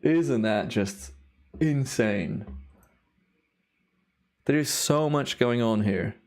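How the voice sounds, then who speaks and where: Speaking very slowly in a medium-pitched, slightly mellow voice, a timelapse photographer hosts a live stream. He's casual and enthusiastic, exclaiming in awe, with a voice a touch worn from a long day of recording.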